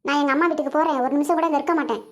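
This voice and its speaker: Young woman, comedy sketch actor, indignant scolding, high voice, fast delivery. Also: steady tone. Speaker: comedy sketch creator playing an angry young bride. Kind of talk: scripted comedy sketch acting.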